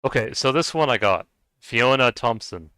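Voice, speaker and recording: In a casual live-stream chat over a game, this man's mid-range voice is animated and sharp but clean, at a moderate pace. He hesitantly trips over name pronunciations, chuckling along. The close mic is dry, no room sound, with faint music behind.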